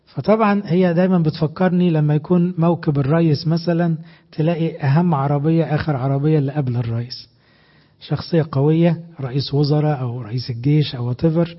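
A man with an Egyptian Arabic accent preaching a sermon, emphatic and animated, asking his listeners rhetorical questions. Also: on the high side, fast talker, muffled recording.

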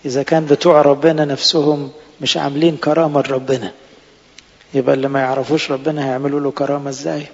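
A man's voice: medium pitch, little pitch movement, quick pace, gravelly. A man preaching a sermon with an Egyptian Arabic accent, earnest, pressing his listeners with rhetorical questions. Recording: reverberant hall, dull lo-fi sound.

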